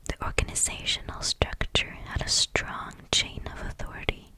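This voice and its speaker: A woman whispers an ASMR reading of a history text in a measured way, close into the listener's left and right ears. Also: pushed and bright. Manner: slow, measured scripted reading. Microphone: close-up stereo microphone.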